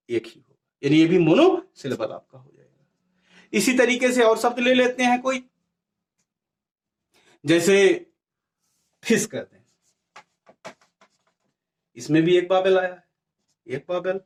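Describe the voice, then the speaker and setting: A man's voice: high-pitched, very animated, unhurried, pauses often. A man teaching a grammar lesson. He asks his class questions, answers them himself and repeats the key words.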